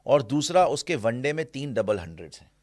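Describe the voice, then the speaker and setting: A man's voice: medium pitch, big pitch swings, fairly quick, darkish tone, no room sound, studio quality. A man hosting a casual cricket talk show, blunt and opinionated, mocking critics.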